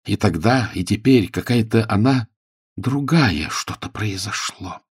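A man narrating an audiobook with a lively, expressive reading. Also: on the low side, measured pace, breathy edge, no echo, studio quality.

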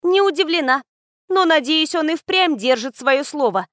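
A woman reads a small outcast girl with a barbed tongue. Her voice jumps high and a bit louder, snarky and cheeky. Dry, close sound. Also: lively intonation, moderate pace, no room sound.

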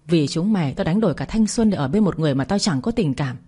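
A woman narrator voicing a spiteful scheming woman nurse who spits out a bitter confession, with a low, mellow and husky voice. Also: animated, fast. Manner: shouting confession, bitter and vicious.

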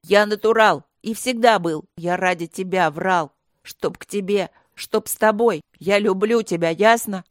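A woman's voice: mid-range voice, unhurried, dry recording, lightly acted. A shy teenage boy who blurts things out in desperation, as a woman narrator puts him on. The reading is close and dry, as in a storybook. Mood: desperate. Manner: bursting out in desperation.

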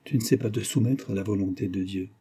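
A man voicing an old female servant, stern and pious, speaking in a grave, hushed, admonishing way. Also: on the low side, fast talker, slightly rough.

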